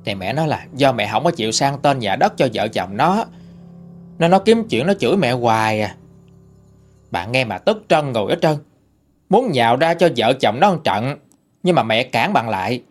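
Guy reading out ghost story letters, chatty, voice goes up and down, soft music behind. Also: mid-range voice, big pitch swings, normal speed. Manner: conversational storytelling. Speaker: ghost story channel narrator. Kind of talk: reading listener-sent stories.

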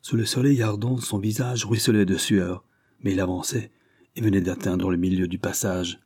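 Low husky male audiobook narrator. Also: fairly even intonation, normal speed, darkish tone. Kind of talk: scripted narration.

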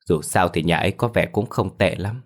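A man's voice: low-pitched, moderate pace, vocal fry. A man voicing a resolute young daughter who speaks coldly and firmly in an audio ghost story. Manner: cold and firm.

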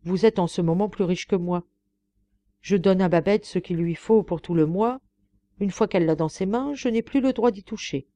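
A woman's voice: medium pitch, normal speed, warm tone, natural voice. A woman voicing a commanding grand tragedienne.

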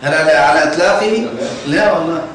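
A man's voice: on the high side, fast, fairly bright tone. A man with a Tunisian Arabic accent teaching a grammar lesson to a class, often stopping to ask whether they follow. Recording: echoey classroom, mic far off.

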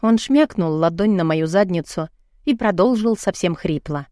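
A woman reading a first-person novel aloud as an audiobook narrator, expressive, with her voice lifting high for the heroine's lines. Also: moderate pace, dry recording, studio quality.

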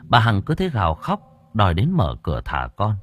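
A man narrating a horror story in a dramatic, expressive way. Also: lowish voice, moderate pace. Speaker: audiobook narrator.

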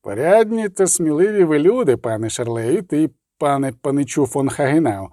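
Brief: shrewd eldest robber knight, dark measured voice, read by a man. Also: on the high side, expressive, no echo, clean studio sound, close to an everyday voice. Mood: wry. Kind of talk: audiobook character voice.

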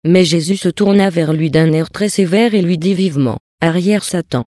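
A reader gives a steady, even scripted narration of a religious text. The tone is mellow and warm, and the recording is dry, with no room sound. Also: medium pitch, normal speed, no room sound. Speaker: audiobook reader.

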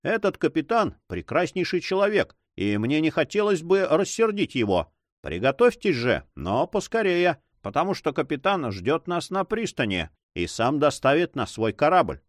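A man's voice: on the high side, sing-song, moderate pace, no echo, clean studio sound, voice pushed up. A man playing a courteous old governor. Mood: persuasive. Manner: gentle, persuasive. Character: courteous older male governor, fatherly.

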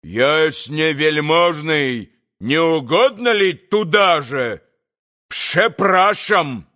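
A man reading aloud plays a hot-headed young man who speaks loudly and impulsively. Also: a little high, slow pace. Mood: mocking. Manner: loud and impulsive, out of breath.

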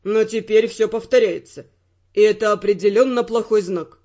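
A woman's voice: mid-range voice, normal speed, dark tone, lo-fi sound, voice pushed down, natural voice. A woman voicing a wry, persistent young male secret agent who argues his point evenly. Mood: reasoning.

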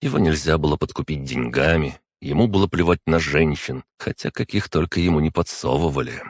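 A man reading a fantasy novel aloud as audiobook narrator, steady and measured, close on the mic. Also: rumbling low, dry recording. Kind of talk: scripted narration.

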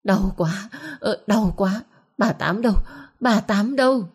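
A woman's voice: mid-range voice, slow, slightly rough, voice pushed up. A woman voicing an elderly first wife who groans and whimpers in pain. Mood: moaning.

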